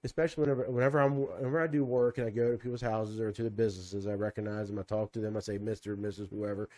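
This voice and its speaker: A man's voice: lowish voice, steady tone, very fast, dark tone. A man co-hosting a podcast, talking in a rambling, reflective way with lots of "you know". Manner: rambling, many fillers and restarts, reflective. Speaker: podcast co-host. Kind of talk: casual podcast chat.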